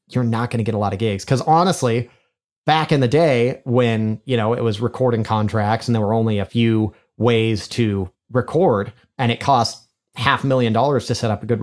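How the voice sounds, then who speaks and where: A microphone designer appears as a podcast guest in a casual interview, chatting in a self-deprecating way. His voice is medium-pitched and a little mellow, though nasal and honky. He is recorded on a studio condenser mic set to a figure-eight pattern.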